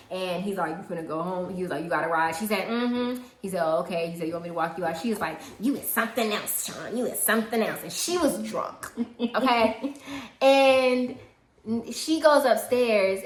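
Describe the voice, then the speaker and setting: A woman telling a personal story in casual chat, animated and laughing, acting out the people she quotes. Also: mid-range voice. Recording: roomy echo.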